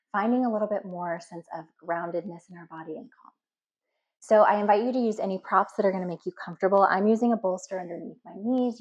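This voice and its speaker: With slow pauses and a calm teaching tone, a woman instructor walks listeners through a deep relaxation meditation. The recording has a muffled, dull lo-fi quality.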